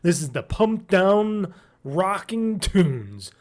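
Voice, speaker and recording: Solo gaming podcast host, male, nasal and high-pitched, rambling and self-deprecating, desk mic at home. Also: very animated, takes it slowly. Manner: rambling and jokey, laughs at himself. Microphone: desk mic at home office.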